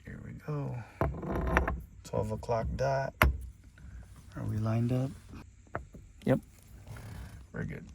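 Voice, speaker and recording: A man's voice: mid-range voice, fairly even intonation, slow pace, gravelly, long pauses, heavy background noise. A sleepy man hosting a casual car-build vlog, joking and talking as he works on a car in his home garage. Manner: laid-back, joking, talks while working. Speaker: car channel host.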